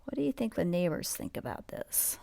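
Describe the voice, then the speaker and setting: Whispering in a warm, low voice with vocal fry, a woman reads a picture book as a bedtime read-along, her delivery very animated. There's no room sound. She goes slowly, talks to the listener conversationally, notes details, and asks questions.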